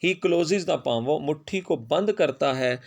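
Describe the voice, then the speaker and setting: Slow, gravelly-voiced male teacher. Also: on the high side. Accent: Pakistani Urdu. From Pakistan. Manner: reads English slowly line by line, then translates and explains quickly. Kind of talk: classroom reading and translation lesson.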